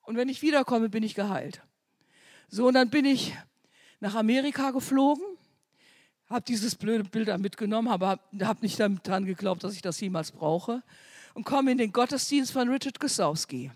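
A woman's voice: a little high, moderate pace, dry recording, studio quality. Fervent older woman preaching. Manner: fervent, rising to loud declarations; chatty storytelling with quoted dialogue. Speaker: preacher giving testimony. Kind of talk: sermon with personal testimony.

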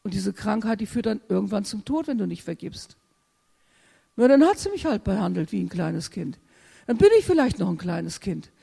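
A woman preaching a charismatic sermon, fervent, swinging between loud exclamations and hushed whispers. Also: medium pitch, big pitch swings, moderate pace, vocal fry, breathy edge. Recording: long hall reverb.

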